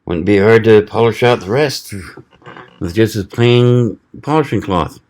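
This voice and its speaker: A middle-aged man from the American South talks through a knife test in a casual, folksy vlog. His voice sits low and unhurried as he thinks aloud between cuts. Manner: relaxed, folksy, thinking aloud while cutting. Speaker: knife reviewer.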